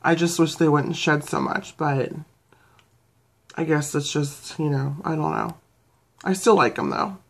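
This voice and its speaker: A woman's voice: sits low, unhurried, gravelly, pauses often. A young woman giving a casual beauty product review, rambling with fillers and self-corrections. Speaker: beauty vlogger.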